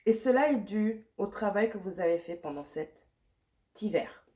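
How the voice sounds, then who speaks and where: A woman's voice: medium pitch, animated, normal speed, warm tone. A woman giving a pick-a-card tarot reading while fighting a cold and a sore throat. She speaks straight to the viewer, reassuring and repetitive, and slips English words into her talk. The voice is close to the mic. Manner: reassuring, repeats herself, mixes in English words. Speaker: tarot reader.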